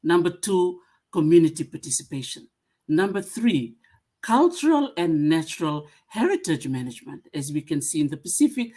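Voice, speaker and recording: A middle-aged woman from Fiji giving a webinar presentation, pausing often with "uh" as she lists her points. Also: low voice. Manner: many "uh" fillers, warm greetings, listing points. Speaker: museum association secretary-general speaker.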